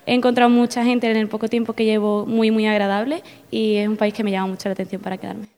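Here the exchange student guest from Spain talks quickly in a mid-range, somewhat dark voice with a level tone. The young woman is friendly yet slightly hesitant as she responds to interview questions, often repeating words.

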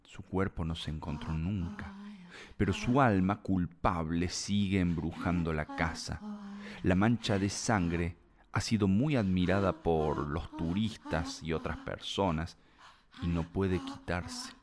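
A man voicing an old, mysterious housekeeper in a slow, hushed, mysterious manner, over background music. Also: low voice, lively intonation, a crowd in the background. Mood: ominous. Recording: music playing underneath.

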